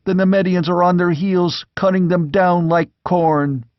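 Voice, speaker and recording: The squire, voiced by a man reading a storybook aloud, cries out the unfolding battle in a high, breathless, anguished way, frantic and urgent and well above the reader's normal register. His intonation stays fairly even and he doesn't hurry. The audio is dry, close and dull, with a lo-fi quality.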